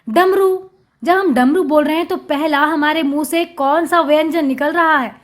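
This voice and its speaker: A woman teaching a Hindi lesson to young children, sounding out syllables slowly and patiently, repeating each word with emphasis. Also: high-pitched. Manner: addresses children directly, patient explaining. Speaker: primary school Hindi teacher.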